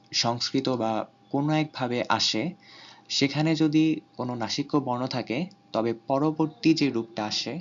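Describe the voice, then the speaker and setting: A man talks through an online grammar lesson. He is measured and explanatory, and he pauses between terms. His voice sits at an everyday middle pitch, and the recording sounds a little dull. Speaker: teacher.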